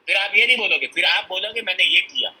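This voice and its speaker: A man's voice: high-pitched, fast, sharp tone, slightly rough, poor audio. Blunt, emphatic male seminar speaker. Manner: blunt and emphatic, mixes in English phrases, acts out people's excuses. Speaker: motivational speaker at a business seminar. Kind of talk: motivational seminar talk.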